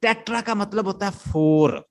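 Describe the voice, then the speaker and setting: A man's voice: high voice, normal speed. A male literature teacher lecturing a class, explaining step by step, chanting stress beats aloud and often checking that the students follow.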